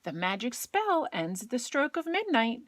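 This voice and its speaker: A woman voicing a kindly, brisk fairy penguin godmother, reassuring and instructing, as if reading a storybook to a toddler. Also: fairly high pitch, very animated, no room sound. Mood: cautioning. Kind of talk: children's storybook read aloud to a small child.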